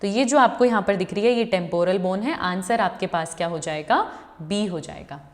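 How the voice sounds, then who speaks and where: A woman's voice: medium pitch, moderate pace, big-room sound. A woman teacher giving an exam-prep lecture, walking through each question step by step, repeating the answers and addressing students as her children.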